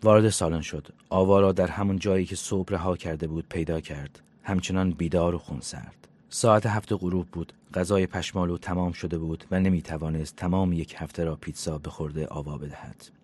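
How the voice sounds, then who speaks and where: Deep husky guy reading a novel aloud, steady and even. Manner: even, measured storytelling. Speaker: narrator. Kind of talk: audiobook narration.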